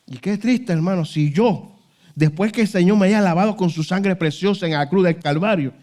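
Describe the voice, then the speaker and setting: Brief: male pastor, high voice, fervent sermon, rhetorical questions, constant "hermano". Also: moderate pace, a little mellow. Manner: fervent preaching, constant "hermano" and "aleluya" interjections; rhetorical questions, voice rises and falls sharply.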